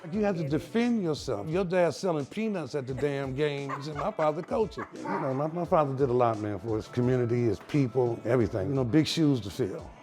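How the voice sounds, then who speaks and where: A homeowner from the US, in his sixties, chats loosely and laughs a lot while showing off his house in an interview. Speaking over music, his medium-pitched voice moves fairly quickly with hardly any pauses, and he tells his stories in an animated way.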